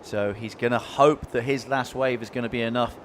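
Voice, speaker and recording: A man's voice: medium pitch, steady tone, a little fast. Laid-back male surf commentator, faint background noise. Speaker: surfing colour commentator. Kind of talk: live sports commentary, conversational analysis.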